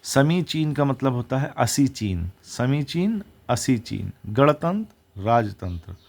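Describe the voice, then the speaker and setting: Slow, deliberate man drilling vocabulary. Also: mid-range voice, very animated, vocal fry, a little mellow. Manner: recites word pairs, corrects himself. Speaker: teacher.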